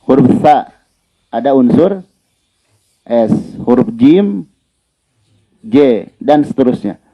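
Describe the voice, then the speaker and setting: A man's voice: medium pitch, lively intonation, takes it slowly, mellow. A male Quran recitation teacher gives a religious lesson in a conversational way, repeating his key points. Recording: dull lo-fi lecture recording.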